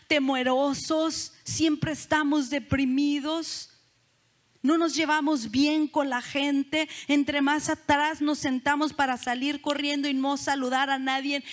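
Slow, high-voiced woman preaching. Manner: conversational, asks the congregation questions. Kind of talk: sermon.

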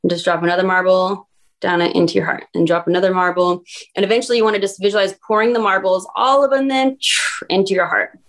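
A woman talks quickly in a relaxed podcast chat, her pitch sitting in the middle range. She is earnest and rambling, stacking up fillers as she explains things. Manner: earnest, rambling, heavy use of "like". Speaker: guest. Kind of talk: casual podcast conversation.

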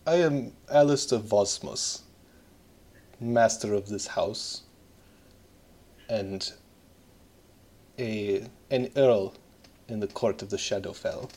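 A man voicing a formal, courteous vampire earl in a tabletop game, with measured, old-fashioned wording. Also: on the low side, darkish tone, voice pushed down. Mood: haughty, courteous. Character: male vampire earl, formal, courteous, unblinking master of the house.

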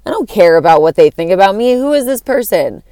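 A young woman from Florida hosts a casual solo podcast, musing in a rambling, profane style packed with fillers. Her deep, dark-toned voice sometimes cracks, and she sounds very animated and brisk. The recording is dry.

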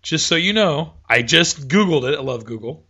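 A man's voice: a little high, animated, normal speed, sharp tone, slightly rough, muffled recording. A man hosting a casual sports chat, rambling and correcting himself as he talks, with hiccups. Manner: rambling, self-correcting, chatty. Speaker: podcast host.

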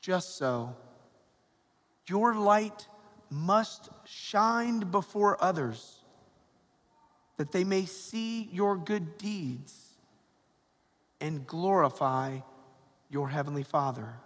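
Priest in a cathedral echo, high-voiced. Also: male voice, fairly bright tone. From Georgia, US. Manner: slow, measured reading, then chatty homily with "right?" asides. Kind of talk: gospel reading and homily. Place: large church. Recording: long church reverb, cathedral echo.

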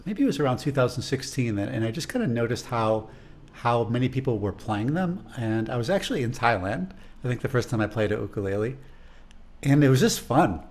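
A man's voice: medium pitch, very animated, brisk, a little mellow. A man with a Chicago accent who teaches music, talking casually in an interview. He is thoughtful and rambling, and often repeats words as he gathers his thoughts.

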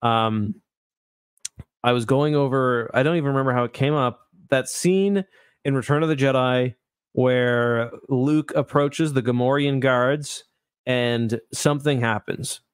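A man's voice: mid-range voice, a little slow, clean tone, no room sound, clean studio sound. A man co-hosting a podcast, explaining at length in a rambling casual chat over a remote call. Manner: rambling, self-correcting explanations. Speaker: podcast co-host.

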